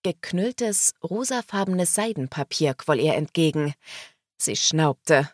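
A woman reading a novel aloud as audiobook narrator, in slow, even storytelling. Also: low-pitched, no echo, clean studio sound.

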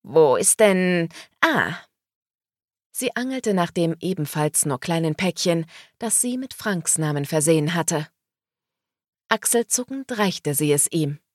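A woman narrating an audiobook in a slow, even storytelling manner. Her voice sits on the low side, and the recording is close and dry with no room sound. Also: dry recording.

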